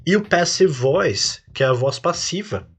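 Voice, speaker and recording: Husky-voiced Brazilian teacher explaining patiently. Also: male voice, on the high side, expressive, unhurried. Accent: Brazilian Portuguese. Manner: patient step-by-step explaining, lifting his voice on each English example phrase. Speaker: English teacher and podcast host. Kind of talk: podcast lesson.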